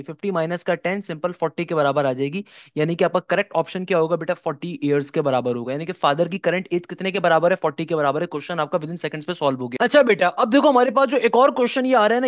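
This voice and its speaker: A man's voice: high voice, no room sound. A young man, tutoring for an entrance exam, walking through each step and answering his own questions. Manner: explains step by step, asks and answers his own questions, calls students son. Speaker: math tutor. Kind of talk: exam-prep math lecture.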